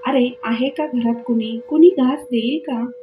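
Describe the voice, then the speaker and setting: A woman voicing a proud, angry old beggar woman who speaks slowly and wearily. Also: high voice, phone-quality sound, faint music behind. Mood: pleading.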